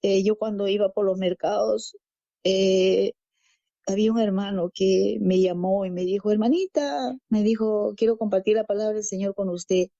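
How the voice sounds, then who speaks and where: A woman's voice: medium pitch, level tone, normal speed, mellow, no echo. Peruvian woman sharing her faith story, acts out the voices, dry dull-sounding recording. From Peru. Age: adult parent. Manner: storytelling, acts out quoted dialogue, repeats phrases. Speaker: guest giving testimony. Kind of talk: personal faith testimony.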